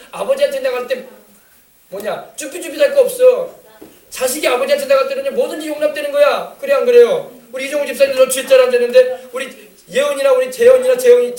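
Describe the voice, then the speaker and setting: A man's voice: very high voice, a little mellow. A male pastor preaching a sermon, emphatic and repetitive, urging his congregation to pray. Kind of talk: sermon with call-and-response. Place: church sanctuary. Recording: echoey room, mic at a distance.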